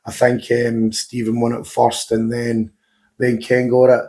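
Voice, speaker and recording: A man's voice: mid-range voice, monotone, a little slow, mellow, echoey room. A Scottish man hosting a casual podcast chat, talkative and swearing freely. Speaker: podcast host and gym owner.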